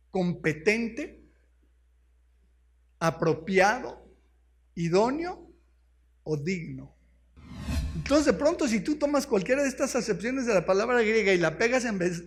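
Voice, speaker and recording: A man with a Mexican accent preaching a sermon as pastor, often pausing to ask the congregation questions and explaining words one by one. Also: high-pitched. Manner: keeps asking the congregation questions.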